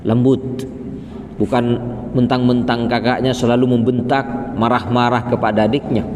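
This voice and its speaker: A man giving an evening mosque sermon, lively, his voice rising for emphasis, with Arabic quotations. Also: medium pitch, normal speed, a little hiss or hum. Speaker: preacher. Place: mosque hall. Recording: long hall reverb.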